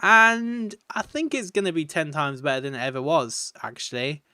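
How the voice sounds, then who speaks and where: A man's voice: fairly high pitch, moderate pace, bright, forceful tone, dry recording. A tired man, chatting casually and rambling while live-streaming a video game, often laughing at his own jokes.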